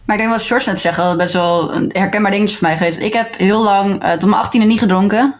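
A speaker who cuts in often during a casual panel discussion. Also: medium pitch. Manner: quick, interjecting.

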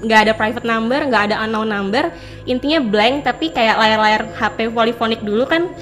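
Animated young woman telling a ghost story. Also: on the high side, fairly quick, soft background music. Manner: animated, acts out quotes, many fillers. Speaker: guest storyteller. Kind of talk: casual chat, ghost story.

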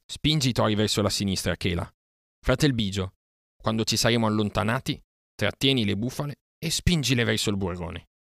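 A man's voice: fairly low pitch, lively intonation, a little fast, vocal fry, no room sound, studio quality. A man voicing a bold boy raised by wolves, giving urgent orders in an audiobook reading. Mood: commanding. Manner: urgent shouted commands.

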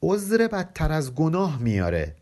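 A man teaching classical poetry in a podcast lesson. He recites verses slowly and explains them in plain, conversational speech. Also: a little high, huge pitch swings, darkish tone.

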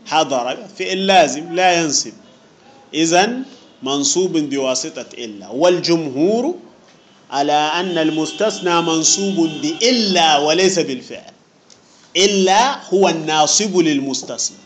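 This man speaks on the high side, expressively and at a moderate pace, as he gives an Arabic grammar lesson in a teaching room full of students. He explains patiently with worked examples, goes back over the main points and makes sure they follow.

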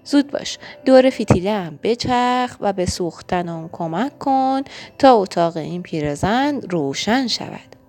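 A woman's voice: mid-range voice, expressive, a little mellow. A woman voicing a candle character in a storybook who pleads urgently for help. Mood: eager. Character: candle, weepy, then eager and pleading. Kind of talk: storybook reading.

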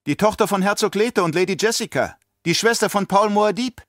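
A man's voice: high voice, brisk, fairly bright tone, no echo, studio quality, pitched above the performer's own voice. A man doing a cold, eerie little girl. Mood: defiant. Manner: cool, matter-of-fact, chilling.

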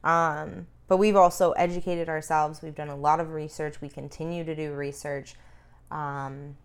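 Female co-host, slightly low voice, informal and emphatic, repeats points for weight. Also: flat delivery, normal speed, clean tone. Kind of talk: casual advocacy talk.

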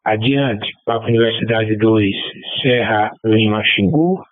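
A man with a Bahian accent, a ham radio operator, signing off in a courteous and unhurried way and spelling call signs over a two-way radio. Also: fairly low pitch, steady tone, no echo. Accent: Bahian Portuguese. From Bahia, Brazil. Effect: heard over a two-way radio. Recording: narrow dry radio transmission.

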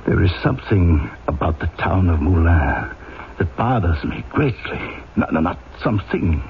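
A brooding police inspector speaks in a low, creaky voice with grave, deliberate emphasis. He is obsessive and suspicious. It sounds like a thin, tinny vintage radio drama. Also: very animated, exaggerated voice. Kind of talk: old-time radio drama acting. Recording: tinny, hissy old radio recording.

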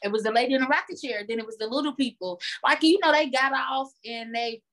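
A woman's voice: high voice, fast, a bit bright. A woman chatting casually, loose and slangy, full of "like". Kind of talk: casual chat.

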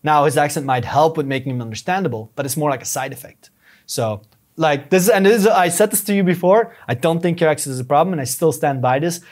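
Male podcast guest, a touch high-pitched, earnest explainer with frequent restarts. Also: fast. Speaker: podcast guest, YouTube strategist. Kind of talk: casual conversational interview.

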